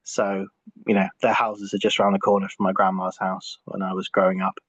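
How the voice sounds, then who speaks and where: Sitting low yet a bit bright, his voice is monotone and fairly quick. The middle-aged Englishman is an interview guest in a casual chat, often restarting and repeating words, heard in dry, muffled lo-fi audio with no room sound.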